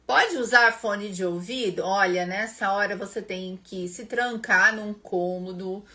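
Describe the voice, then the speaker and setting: A woman's voice: mid-range voice, unhurried, sharp tone. A young Brazilian woman hosting a casual live-stream lesson, chatting with viewers by name as she explains an exam. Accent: Brazilian Portuguese. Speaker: English teacher and live-stream host.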